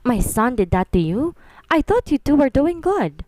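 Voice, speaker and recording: A woman's voice: high-pitched, big pitch swings, measured pace, a little mellow, no room sound, pitched above the performer's own voice. A woman doing a gushing rich mother-in-law. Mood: delighted.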